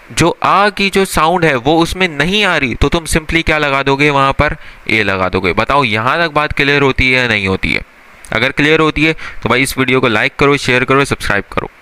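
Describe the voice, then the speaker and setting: Bright, clear-voiced Hindi grammar teacher man. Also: on the high side. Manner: asks the class questions and answers them himself, calls students "beta" and "bhai". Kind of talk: classroom-style grammar lesson.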